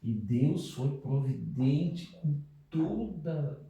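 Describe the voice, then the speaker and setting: A Brazilian father talking about faith and guilt in a calm, reflective way. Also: on the high side, extremely slow, dull audio. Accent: Brazilian Portuguese. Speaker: guest, father. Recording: echoey room, mic at a distance.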